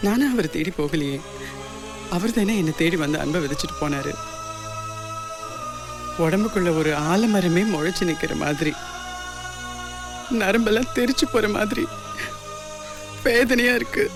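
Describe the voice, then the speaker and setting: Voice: mid-range voice, animated, a little slow, long pauses, music in the background. A performer playing a lovesick transgender woman, pleading in anguish for her lover.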